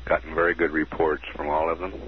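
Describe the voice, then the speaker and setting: A man with a very low voice delivers crisp, measured mission status reports, reading out one figure after another. His voice comes through a muffled radio transmission, dull and lo-fi like an old archive broadcast. A faint hiss runs underneath. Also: little pitch movement. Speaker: mission control commentator. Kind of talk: formal status announcements.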